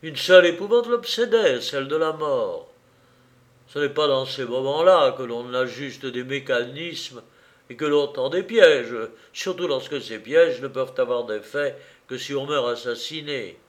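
Indignant police prefect in a storybook reading, read by a man, slow and emphatic. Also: medium pitch, close to an everyday voice. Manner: indignant, emphatic, stumbling protests. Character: agitated man, a police prefect, middle-aged.

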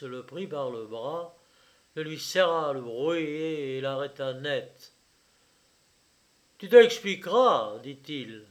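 Slow, expressive male storyteller. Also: on the high side. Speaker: narrator. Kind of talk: audiobook reading of a novel.

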